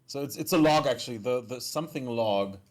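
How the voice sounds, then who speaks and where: A man's voice: medium pitch, brisk. A man talking casually with fellow players while streaming a game.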